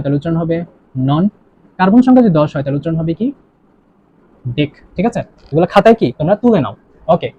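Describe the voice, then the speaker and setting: A man's voice: high-pitched, mellow. A young man teaching a chemistry lesson online, who keeps asking the class questions and repeating the answers. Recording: dull lo-fi recording.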